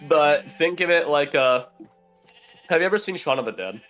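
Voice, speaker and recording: A man's voice: on the high side, expressive, moderate pace, a bit bright, soft background music. A young man, a podcast guest, chatting casually and rambling with lots of fillers while playing a game. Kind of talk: casual chat while gaming.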